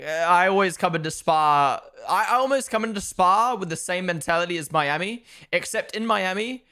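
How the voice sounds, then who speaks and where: Chatty gravelly young man streaming commentary. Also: on the high side, bright, forceful tone. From Australia and New Zealand. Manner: chatty, opinionated, talks to chat. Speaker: streamer hosting a race watchalong. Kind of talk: casual live commentary.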